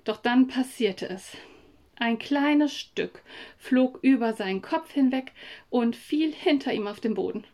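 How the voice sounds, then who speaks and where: A woman reads a children's story aloud in a calm, even way. Her voice sits fairly high, and the telling is steady and clear. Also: unhurried. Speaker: narrator. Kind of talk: storybook reading.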